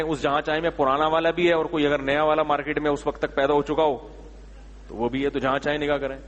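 A man's voice: a little high, in a large hall. A man giving religious answers to questions in an emphatic, rhetorical manner, sometimes scolding. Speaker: Islamic scholar answering questions. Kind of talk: religious Q&A talk.

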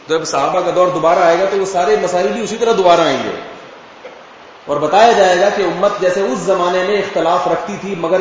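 A man, an Islamic scholar giving a conversational religious lecture and often asking his listeners whether they follow. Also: sits high. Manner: conversational, checks understanding with rhetorical questions. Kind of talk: religious lecture answering questions. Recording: echoey hall, far from dull mic, faint noise.

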